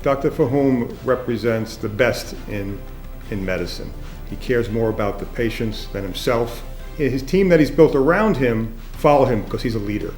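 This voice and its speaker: A man's voice: medium pitch, lively intonation, moderate pace, few pauses. A man giving emphatic praise of a colleague in an interview. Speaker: hospital leader. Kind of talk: tribute interview. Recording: roomy echo. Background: soft background music.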